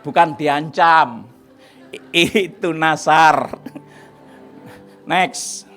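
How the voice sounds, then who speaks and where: A pastor tells his testimony to a church congregation. His voice sits fairly high for a man, and he swings dramatically from hushed asides to shouted lines. Faint music plays softly underneath. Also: very slow. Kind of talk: testimony sermon. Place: church service.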